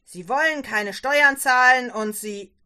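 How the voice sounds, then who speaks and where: A woman voicing a stern middle-aged merchant father who gets angry and scolds loudly. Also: mid-range voice, animated, unhurried. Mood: angry shouting. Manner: loud, scolding, dismissive.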